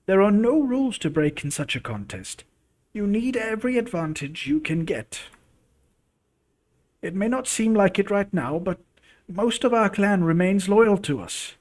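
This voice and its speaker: A man's voice: high voice, very animated, measured pace, voice pushed up. A man doing a graying old clan mother. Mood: earnest. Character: older woman, a wise, worried clan mother. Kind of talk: narrating a role-playing game.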